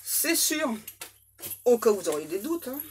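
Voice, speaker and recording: A woman's voice: a little high, very animated, normal speed, noisy background. Playful slangy woman reading tarot. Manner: playful, slangy, joking asides to her guides. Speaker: tarot medium. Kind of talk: casual tarot reading to camera.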